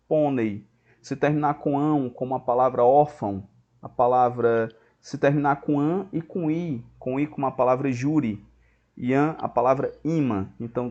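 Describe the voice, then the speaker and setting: A man's voice: medium pitch, darkish tone, dull audio. A man, teaching a grammar lesson step by step and checking in with his students often. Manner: explains step by step, checks in with "beleza?".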